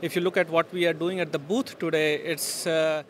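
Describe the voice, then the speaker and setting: At a busy exhibition hall booth, a middle-aged industry guest answers questions into a handheld interviewer mic, hesitating with lots of fillers and restarts. His voice is fairly high with little pitch movement and a moderate pace, and faint trade show noise can be heard.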